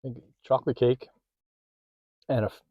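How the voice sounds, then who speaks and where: A man's voice: mid-range voice, steady tone, normal speed, no room sound, narrow, tinny audio. A man hosting a casual food vlog, chatting as he eats, sometimes with his mouth full, filming one-handed in a parked car. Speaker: food vlogger. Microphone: handheld phone or camera.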